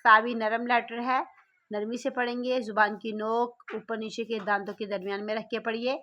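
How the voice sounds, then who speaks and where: A woman teaching the Quran alphabet, stretching each letter out loudly and slowly, then explaining softly. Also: a little high, flat delivery, highs cut off. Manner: drawn-out, loud sounding of each letter, then brief soft explanation. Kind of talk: slow letter-by-letter recitation lesson.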